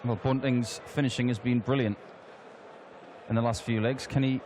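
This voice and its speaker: A man's voice: mid-range voice, fairly even intonation, normal speed, background noise. A man commentating on darts, chatty and analytical with the odd joke. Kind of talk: sports commentary. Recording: commentary booth with crowd behind.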